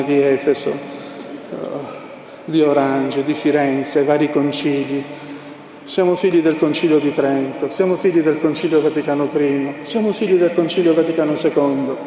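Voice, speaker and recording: A man's voice: fairly high pitch, a little mellow. A male preacher giving an impassioned sermon, pressing his points with emphatic repetition. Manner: impassioned, emphatic, repeats key phrases. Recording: echoey hall with long reverb, faint noise.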